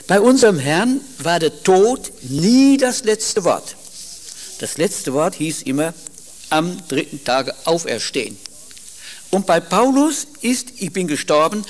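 A man delivering a sermon in a high, animated voice that rises and falls widely. He speaks slowly and deliberately, leaning hard on key words and quoting verses aloud. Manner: emphatic, stresses single words, slow deliberate delivery; quotes scripture verses aloud. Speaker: preacher.

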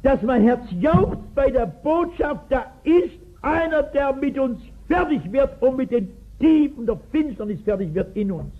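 Here a very high-pitched man speaks at a measured pace with lively intonation and few pauses. He's a pastor in his sixties giving a sermon, emphatically telling a Bible story and often questioning his listeners, on a tinny 1960s recording.

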